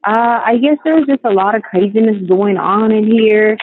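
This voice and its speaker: A woman's voice: mid-range voice, normal speed, no echo. An incarcerated woman talking casually on a prison phone, rambling through her day in a chatty way. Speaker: incarcerated caller. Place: jail housing unit. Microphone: jail phone or tablet. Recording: tinny prison phone line.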